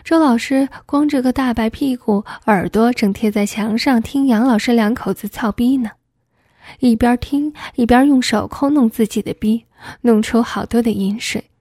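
A woman narrates a story in soft, steady tones. Her voice is husky and somewhat high, and the recording is dry and close. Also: normal speed, dry recording. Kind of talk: reading an adult story aloud.

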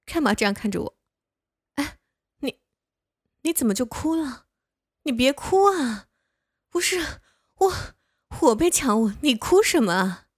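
A woman playing a slow, teasing older neighbor. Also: high voice, very animated, dry recording, studio quality. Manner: playful scolding, coaxing. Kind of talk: one-sided audio role-play to the listener.

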